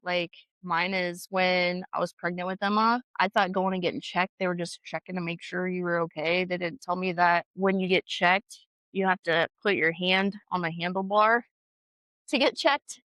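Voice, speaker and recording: A woman in her thirties co-hosting a podcast, chatting casually about being a mom, blunt and quick to swear. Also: fairly low pitch, clean tone, no room sound. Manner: blunt, swears freely, animated storytelling. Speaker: podcast co-host. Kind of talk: casual chat.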